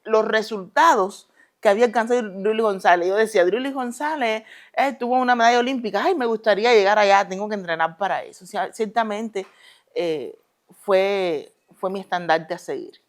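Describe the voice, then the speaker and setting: A retired Olympic judoka from Cuba, she answers interview questions in a relaxed, conversational way with a mid-range voice and a Cuban Spanish accent. She speaks slowly and deliberately, hesitating and using many fillers, but turns emphatic and quick when she gets passionate.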